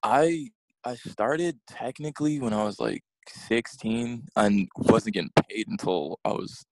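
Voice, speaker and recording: A man's voice: on the low side, measured pace, a little mellow, no echo, poor audio. A man, a guest chatting casually and laid-back, with a self-deprecating manner. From Queens, New York. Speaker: guest, music blogger. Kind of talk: casual interview chat.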